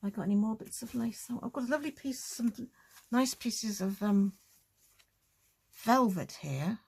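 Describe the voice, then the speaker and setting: A woman's voice: fairly high pitch, lively intonation, normal speed, creaky, darkish tone, slightly rough. A woman hosting a casual crafting tutorial, chatting and thinking aloud as she works.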